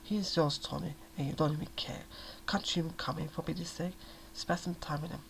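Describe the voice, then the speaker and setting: A desperate, exhausted young mother, as a male reader puts her on, raw and pleading. The voice has a gravelly edge, with faint noise in the background. It is a soft-spoken ASMR reading. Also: a little high, steady tone, fairly quick.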